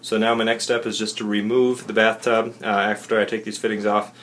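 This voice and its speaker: A man's voice: fairly low pitch, little pitch movement, a little fast, fairly bright tone, a little hiss or hum. A young man giving a casual step-by-step how-to in an unfinished basement bathroom, explaining plainly with fillers and corrections, recorded on a handheld camera mic. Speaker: DIY instructor. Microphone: camera mic, filming handheld and close.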